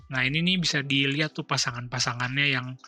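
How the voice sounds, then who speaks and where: Bright-voiced man explaining casually. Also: mid-range voice, fairly even intonation, fairly quick, faint music behind. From Indonesia. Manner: informal, explains step by step. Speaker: streamer explaining personality types. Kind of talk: casual explanatory livestream talk.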